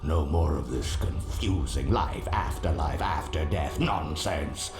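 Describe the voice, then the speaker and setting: An actor playing a sinister villain in a game cutscene, speaking slowly and grandly with a theatrical evil laugh. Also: male voice, a bass voice, music in the background. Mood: menacing. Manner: slow, gloating, grandiose. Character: sinister villain gloating over the dead. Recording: roomy game cutscene with loud score.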